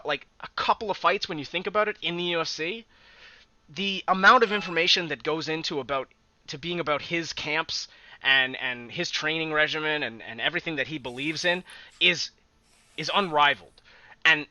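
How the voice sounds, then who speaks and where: A man's voice: a little high, pushed and bright, dry recording, muffled recording. A man co-hosting a casual podcast, talking animatedly with frequent laughs and the odd swear word. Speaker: podcast co-host. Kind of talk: casual sports chat.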